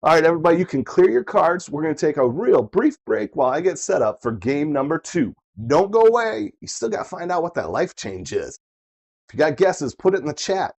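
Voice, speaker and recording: Male bingo caller and host, fairly high voice, very lively swings in pitch, upbeat and playful, mixing repeated number calls with casual chat. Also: fairly quick, creaky. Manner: upbeat, playful, excitable showman. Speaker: bingo caller and host of a live online bingo night.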